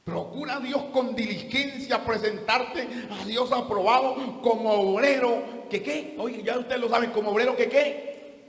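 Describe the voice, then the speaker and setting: A man with a high-pitched voice preaches as pastor, driving home each point with rhetorical questions. His sermon rings out with a long, roomy reverb, as if from a church hall. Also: unhurried.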